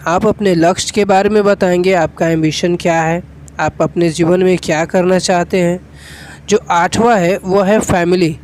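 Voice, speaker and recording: An English teacher with an Indian accent delivers a step-by-step instructional lesson, methodical and repetitive. The voice is mid-range and a little mellow, with a slight hiss or hum in the audio.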